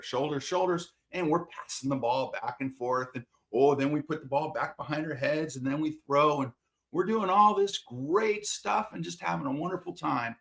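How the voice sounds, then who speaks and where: Answering interview questions, a swimming and water polo coach speaks in a slightly high, fairly bright voice. He's plain-spoken and pokes fun at himself, often repeating words as he works out what to say.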